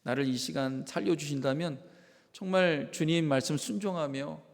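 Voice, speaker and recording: A man's voice: on the high side, normal speed, natural voice. A male pastor voicing a desperate man clinging to a branch and begging to be saved, pleading frantically, in a reverberant church sanctuary.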